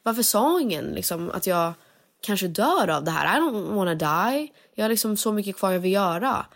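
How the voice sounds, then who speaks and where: A woman's voice: mid-range voice, expressive, gravelly. A young woman, a singer, telling a personal story candidly and dropping English phrases into her talk.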